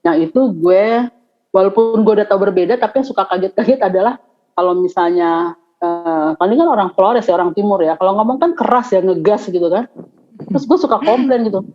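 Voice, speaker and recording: A woman's voice: mid-range voice, a little fast, lo-fi sound, faint music behind. A woman from Java chatting casually on a podcast panel, with many fillers and restarts. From Java, Indonesia. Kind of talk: casual chat.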